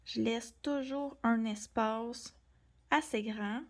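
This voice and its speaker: Slow, soft-spoken Québécois woman. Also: fairly high pitch, fairly even intonation. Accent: Québécois French. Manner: gentle, soft-spoken, drops into near-whispers while drawing. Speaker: art tutorial host. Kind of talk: colored pencil tutorial.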